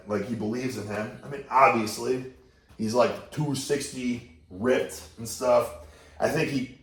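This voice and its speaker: A hoarse man rambles bluntly to camera, swearing here and there. His voice is gravelly and his pitch is average for a man. The room around him gives a roomy echo. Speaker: fitness YouTuber reacting to a video. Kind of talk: casual rambling chat to camera. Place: indoor room at home with a TV behind him.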